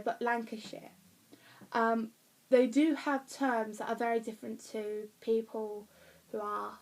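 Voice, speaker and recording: Woman, slightly high voice, rambling home vlog chat full of ums and restarts. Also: darkish tone, low-quality recording. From Essex, England. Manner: rambling, many fillers and restarts, laughs at herself. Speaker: vlogger reviewing a play. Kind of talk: casual chatty review. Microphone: phone or webcam.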